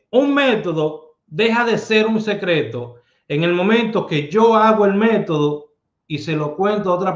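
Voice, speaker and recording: Guy preaching street advice, high voice, keeps tossing out "eh?", echoey room. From Dominican Republic. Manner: emphatic and streetwise, with rhetorical tag questions. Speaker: lottery numerologist host. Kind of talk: casual advice monologue. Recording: echoey room, dull lo-fi sound.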